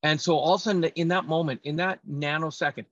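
A man's voice: a little high, fast, fairly bright tone, no echo, lo-fi sound. A man speaking as an interview guest, telling personal stories conversationally and emphatically. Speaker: podcast guest, trainer and speaker.

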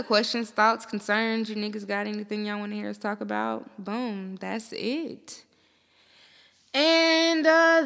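Bright-voiced woman, reverberant room. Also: mid-range voice, creaky. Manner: animated, slangy, quick to laugh. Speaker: podcast host. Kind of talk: casual, profane banter.

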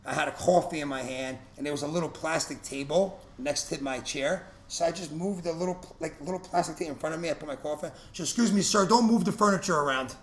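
A man's voice: a little high, steady tone, fast, hardly any pauses. A man in casual chat, blunt and slangy, swearing a lot. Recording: roomy room with faint noise.

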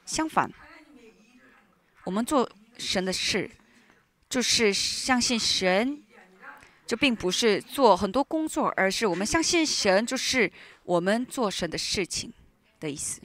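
A woman interpreting a sermon live in a church, speaking in halting phrases with frequent restarts and fillers. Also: medium pitch, expressive, fairly bright tone. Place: church hall.

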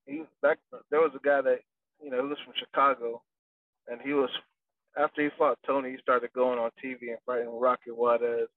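This boxing trainer's mid-range voice is flat and brisk as he rambles casually in an interview, using many fillers and restarting often. No echo is present, and the sound is dry and distant, like a phone.

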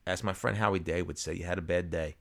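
Low gravelly man. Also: steady tone, quick pace. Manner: joking, ranting. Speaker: podcast co-host. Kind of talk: casual chat.

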